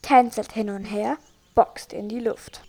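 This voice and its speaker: A woman narrating a children's story in a calm, measured way. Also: a little high.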